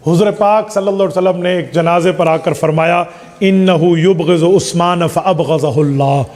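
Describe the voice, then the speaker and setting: A man delivers religious answers with emphasis. He piles up rhetorical questions and counts off his points in turn. His voice rings out with a long reverb, as if from a large hall. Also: high voice. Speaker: Islamic scholar answering questions.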